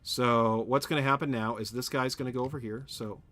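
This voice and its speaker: A man streams a factory-building game live, rambling as he builds and chatting with his viewers. His mid-range voice is steady, fairly quick and a bit bright, with faint music in the background.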